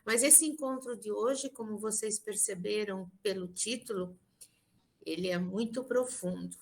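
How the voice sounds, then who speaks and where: Woman, Brazilian accent, unhurried delivery, mid-range voice, gentle welcoming host. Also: medium pitch, creaky. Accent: Brazilian Portuguese. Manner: gentle, welcoming, addresses listeners affectionately. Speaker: meeting host. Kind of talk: opening remarks at an online spiritual meeting.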